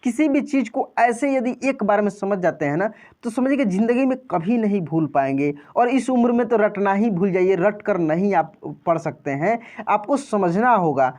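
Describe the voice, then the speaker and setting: A man's voice: high voice, animated, moderate pace, hardly any pauses, darkish tone. A man teaching an online video lesson to adult learners. He speaks patiently and repeats himself, draws out and stresses vowel sounds for practice, calls his viewers friends, and keeps checking that they follow. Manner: addresses viewers as friends and often checks understanding.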